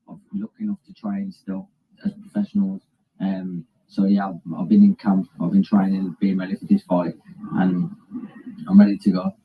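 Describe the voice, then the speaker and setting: A man's voice: deep voice, normal speed. A man with a Birmingham English accent, a boxer speaking confidently with hesitant fillers in a pre-fight interview. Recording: dull lo-fi clip with faint noise.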